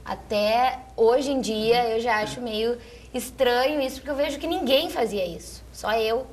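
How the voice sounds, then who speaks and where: A woman's voice: a little high, normal speed. A young woman, a guest chatting casually about her teen years. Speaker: guest, fellow TV presenter. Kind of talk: casual chat.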